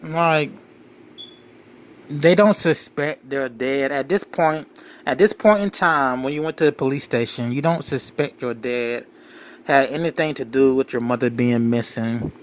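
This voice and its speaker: A late night show host with a mid-range voice reads a document aloud, adding off-the-cuff commentary. He's halting, often repeating and rephrasing himself as he goes.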